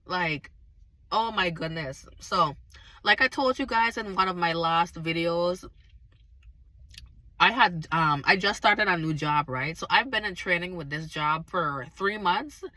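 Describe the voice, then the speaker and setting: Her voice fairly low and her pace measured, a vlogger recounts her faith testimony to viewers with casual emphasis and earnestness. Illness has left her sounding raspy and a bit hoarse, though her tone stays bright and forceful. The recording is close-miked and dry, free of room echo.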